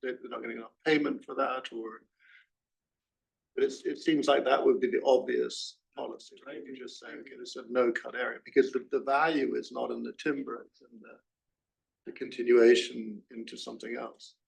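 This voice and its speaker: Man, very gravelly creaky voice, middle pitch, tentative, questioning, academic panel. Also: flat delivery, a little fast, rough recording. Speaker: panel discussant.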